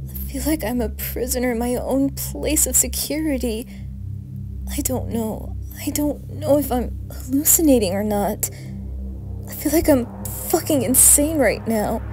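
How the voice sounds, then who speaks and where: In a high, breathy voice, a woman narrates a first-person horror story with dramatic, anguished intensity.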